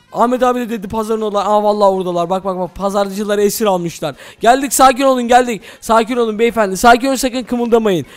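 A man hosting a Minecraft role-play, talking excitedly to his viewers as "friends". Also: extremely high pitch, clear, resonant tone. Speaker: gaming channel host.

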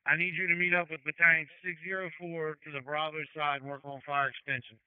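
A man's voice: a little high, level tone, fast, clear, resonant tone, dry recording. A man giving terse, procedural orders as an incident commander over a crackly, military-style emergency radio. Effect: crackly two-way radio. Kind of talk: emergency radio dispatch traffic. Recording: phone-like crackly fire radio scanner audio.

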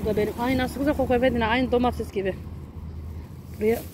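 A woman's voice: a little high, steady tone, fast, noisy background. A woman vlogger and mother walking through her country garden, chatting to viewers and her small daughter, recorded on a handheld camera. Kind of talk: casual garden tour vlog. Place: outdoor home garden in the countryside near a mountain.

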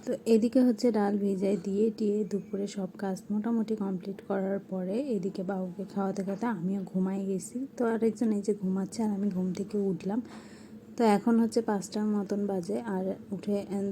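A young woman narrating her home vlog in a soft, hushed voice-over. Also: medium pitch, slight background noise. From Bangladesh. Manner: soft, hushed talk so a sleeping child stays asleep. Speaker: vlogger.

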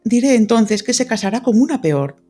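A spirited young woman read by a woman in an audiobook. She refuses gently, with composed and courteous firmness. Her voice is fairly high, and quiet guitar music plays underneath. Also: animated, moderate pace. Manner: composed, polite, firm. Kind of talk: audiobook character reading.

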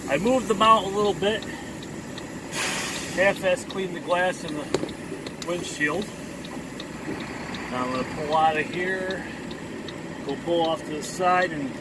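A man talks casually on a headset mic in his truck cab, wry and a bit grumbling. His voice sits a touch high for a man. Engine and road noise run clearly behind him. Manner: wry, sing-song asides, grumbling. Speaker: truck driver vlogger. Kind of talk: casual vlog narration. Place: inside a truck cab while driving.

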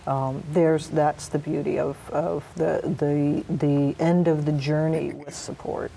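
Soft, low-pitched woman, hesitant hospice nurse. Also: little pitch movement, measured pace, vocal fry, a little hiss or hum. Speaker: hospice nurse educator, interview guest. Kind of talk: interview answers. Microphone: lapel mic.

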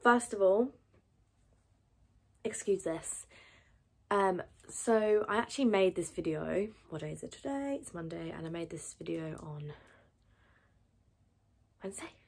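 Young woman, casual home vlog, gravelly, breathy whispered asides, chatty. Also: lowish voice, expressive, measured pace, long pauses, a little mellow. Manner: chatty, rambling, self-mocking. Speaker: vlogger.

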